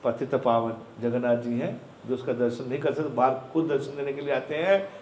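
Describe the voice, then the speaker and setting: A man's voice: medium pitch, fairly quick, reverberant, a little hiss or hum, low-quality recording. A man telling a devotional story as a sermon, acting out the characters and slipping English phrases into his talk. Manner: animated storyteller who acts out characters and mixes in English phrases.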